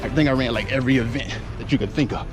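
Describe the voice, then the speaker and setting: Jogging outdoors, a man from the United States in his forties talks very fast in a mid-range voice. He's a running vlogger with a laid-back, rambling style of casual chat. The audio comes from a handheld action camera, with music in the background.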